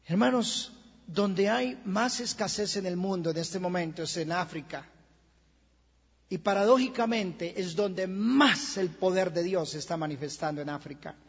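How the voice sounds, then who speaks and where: Impassioned Colombian preacher, raspy and high. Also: male voice, unhurried. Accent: Colombian Spanish. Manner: impassioned, swings from quiet to shouting. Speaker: pastor. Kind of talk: sermon. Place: church hall. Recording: lo-fi church recording with long reverb.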